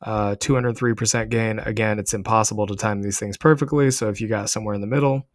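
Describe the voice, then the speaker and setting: Male channel host, lower register, casual explanatory market commentary straight to the audience, dry sound. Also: fairly even intonation, quick pace, dry recording. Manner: explanatory, addressing viewers directly. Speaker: crypto trading channel host. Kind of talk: casual market commentary over price charts.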